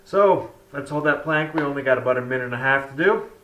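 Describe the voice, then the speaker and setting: A man's voice: medium pitch, fast, fairly bright tone, a little hiss or hum, rough recording. A man leading a children's workout while reading a scary story aloud in a dramatic, encouraging way. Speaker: exercise instructor and storyteller for children.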